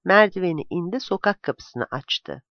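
A narrator reading a novel aloud in a dramatic, lively way, in a dull, dry, lo-fi recording. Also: mid-range voice, moderate pace, no echo.

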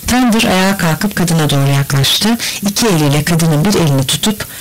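Male narrator, audiobook, measured even reading, slightly high voice. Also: rough recording.

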